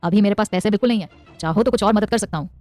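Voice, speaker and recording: A woman's voice: medium pitch, dark tone, no echo, soft background music, close to an everyday voice. Woman playing a wry old moneylender. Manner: measured, wry. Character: older male moneylender, shrewd and wry.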